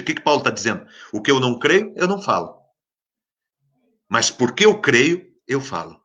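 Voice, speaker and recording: A male preacher with a Brazilian Portuguese accent delivers a devotional sermon in a bright, ringing voice. He hammers his points home by repeating them, rising to loud emphasis and then dropping to hushed words. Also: medium pitch.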